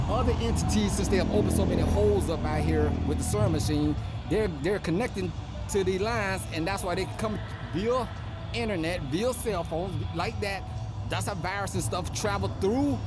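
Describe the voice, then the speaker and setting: Rambling man with a fairly high voice. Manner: rambling, conspiratorial, talks in street slang. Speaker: vlogger. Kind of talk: casual rambling monologue. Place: outdoors by a street with traffic. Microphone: phone held in hand away from face.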